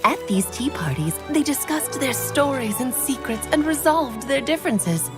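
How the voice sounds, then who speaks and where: A woman's voice: high-pitched, animated, moderate pace, music in the background. A woman voicing a grand, playful witch who tells stories with theatrical coyness. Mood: grandly playful. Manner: theatrical, coy.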